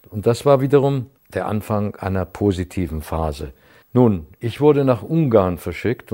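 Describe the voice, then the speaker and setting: A man's voice: fairly low pitch, darkish tone. An older man telling the story of his wartime youth in a vivid way, acting out the dialogue he quotes. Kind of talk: personal storytelling.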